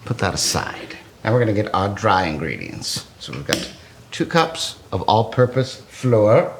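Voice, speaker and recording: Joking low-voiced man hosting a cooking show. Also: big pitch swings, measured pace, noisy background. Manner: joking, crude, playful. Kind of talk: casual cooking demo with banter.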